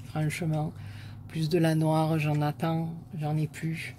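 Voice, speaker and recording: A woman with a southern French accent, a scrapbooking vlogger softly admiring crafts one by one in a casual show-and-tell chat. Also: low-pitched, monotone, slow, slight background noise.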